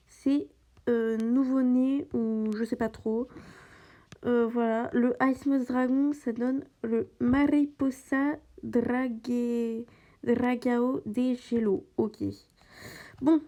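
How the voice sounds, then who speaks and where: A woman from a French-speaking background casually comments on a game for her channel, stumbling through with fillers and restarts. Her voice is mellow and a little high.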